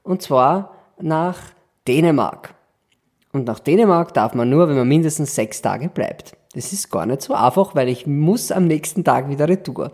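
A man's voice: a little high, expressive, normal speed, a little mellow, slightly rough. A man hosting a casual podcast chat, joking and laughing often. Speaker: podcast host.

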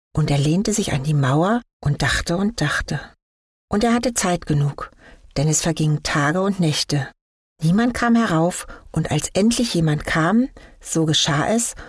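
Low husky woman reading a fairy tale. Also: dry recording, studio quality. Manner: calm, measured storytelling. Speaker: story reader. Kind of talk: fairy tale read-aloud.

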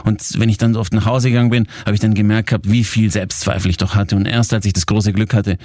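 A man's voice: on the low side, flat delivery, quick pace, darkish tone, no room sound, clean studio sound. A man in his forties, a coach, speaking candidly and reflectively about his own experience in a casual motivational talk. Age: 40s.

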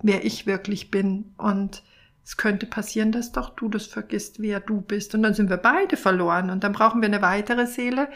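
Tender devoted soul, soft, half-whispered, storybook, read by a woman. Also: medium pitch, fairly even intonation, moderate pace, natural voice.

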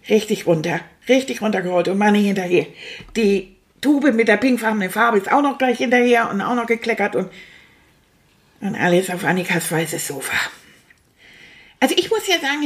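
A woman voicing an excitable male plush toy rat who rambles breathlessly through his story. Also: medium pitch, close to an everyday voice. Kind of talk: puppet storytelling for children.

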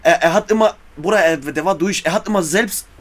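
Man, high-pitched voice, urban German multiethnolect accent, casual slangy storytelling, acted-out dialogue, repeated phrases. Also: brisk. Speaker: guest telling prison stories.

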